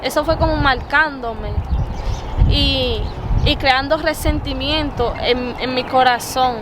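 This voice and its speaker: A young woman of twenty with a Dominican accent and a high, light voice tells her story. She talks earnestly and haltingly and often repeats herself. The recording is noisy, made outdoors with urban traffic behind her. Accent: Dominican Spanish. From Dominican Republic. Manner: earnest, hesitant, with many fillers and repeated words. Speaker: interview guest, preacher. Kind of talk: personal testimony interview.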